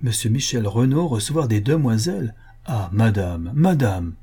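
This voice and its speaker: A man's voice: mid-range voice, lively intonation, moderate pace, dark tone, breathy edge. A man voicing a talkative male concierge who is deferential and emphatic, eager to reassure his listener.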